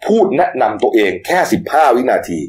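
A man's voice: mid-range voice, sing-song, fairly quick, darkish tone. Chatty middle-aged male news host. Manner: chatty, frequent polite particles. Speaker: news talk show host. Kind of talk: casual news commentary.

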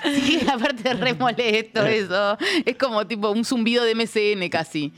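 A woman with an Argentine Rioplatense accent co-hosting a casual radio chat, animated, laughing a lot and swearing casually. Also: on the high side, moderate pace, soft background music. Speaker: radio co-host. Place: radio studio.

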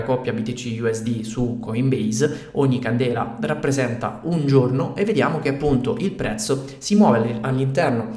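A man hosting a weekly market update, reading figures out methodically, with low-quality audio recorded while traveling. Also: darkish tone, reverberant. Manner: methodical, reads out figures steadily. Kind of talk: scripted market commentary. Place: temporary room while away from home.

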